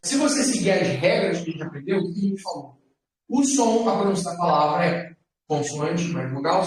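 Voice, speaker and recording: A man teaching Hebrew letters to a class. He talks patiently and repeats words slowly for his students. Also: a little high. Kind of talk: classroom lesson. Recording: echoey classroom from far off.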